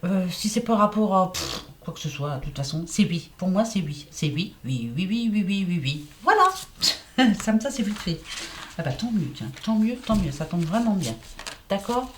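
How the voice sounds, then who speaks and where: A woman's voice: medium pitch, animated, moderate pace, a little hiss or hum. A woman giving casual card-reading guidance, chatty and repetitive, with a slight lisp. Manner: chatty, repeats herself, fillers like hein and voilà. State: lisping slightly. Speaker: oracle card reader.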